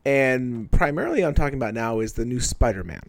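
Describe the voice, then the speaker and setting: A man's voice: medium pitch, sing-song, fairly quick, no room sound. A man co-hosting a casual chat, playful and self-deprecating.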